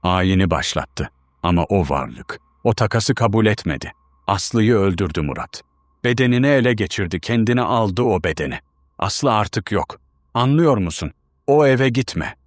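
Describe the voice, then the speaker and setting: A man voicing a wounded, exhausted older exorcist teacher who gives hoarse, breathless warnings in a deep, dry voice. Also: animated, normal speed, no room sound. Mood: urgent.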